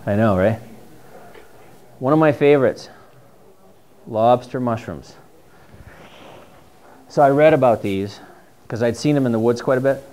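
Unhurried and pausing often, this mid-range, darkish voice belongs to a middle-aged New Englander who instructs on mushroom foraging. He talks casually and eagerly through slides in a dim projector-lit classroom, recorded from a far-off camera.

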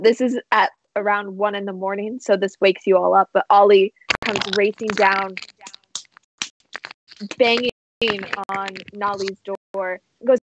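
A woman narrating a tabletop role-playing game as game master, in a relaxed, rambling way with many fillers. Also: mid-range voice, dull audio, slight background noise.

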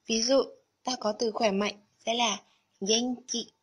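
Slow, breathy woman teaching Japanese vocabulary. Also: on the high side, steady tone. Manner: slow, careful explanation of vocabulary and kanji. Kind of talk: scripted lesson narration.

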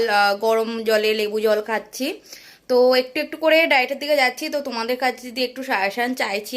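A woman chatting casually to her viewers in a home vlog, her voice a little hoarse. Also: on the high side, fairly bright tone. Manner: chatty, addresses viewers directly. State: voice getting hoarse. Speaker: vlogger.

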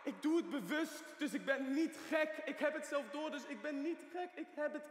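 A young actor playing a detained male idealist, bitter and scornful, breaking into shouting. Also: high-pitched, normal speed, lightly acted. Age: young adult. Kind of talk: stage play acting. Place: theater stage. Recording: echoey theater hall.

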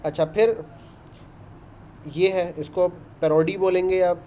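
A man's voice: high voice, fairly even intonation, takes it slowly, mellow, slight background noise. Chatty man teaching code. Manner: chatty, explains step by step with frequent "ṭhīk hai". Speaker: programming instructor. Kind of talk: casual coding lesson.

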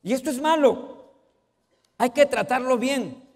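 A pastor preaches a sermon. He keeps asking the congregation questions and swings between loud emphasis and quiet asides. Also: very high voice, a little slow. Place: church sanctuary. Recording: long church reverb.

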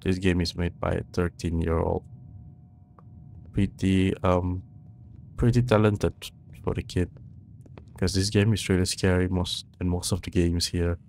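A man's voice: low-pitched, darkish tone, a little hiss or hum. A young man giving casual, nervous, jumpy commentary as he plays a horror game, muttering to himself into a close microphone. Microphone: close microphone on boom arm, headset worn.

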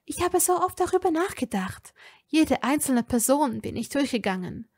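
Fierce, resolute young witch, high-pitched and urgent, played by a woman. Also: sing-song, normal speed, darkish tone. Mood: worried.

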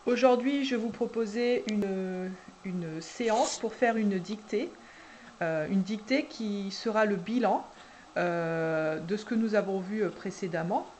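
A woman preschool teacher guiding parents through a syllable dictation, speaking slowly and deliberately and drawing out each syllable. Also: mid-range voice, darkish tone, slight background noise. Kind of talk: instructional video for parents.

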